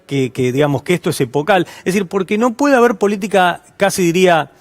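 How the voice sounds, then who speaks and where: Argentine professor guest, man, Rioplatense, halting explanations, higher-pitched. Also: lively intonation. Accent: Rioplatense Spanish. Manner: halting, many restarts and fillers. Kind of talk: interview answers.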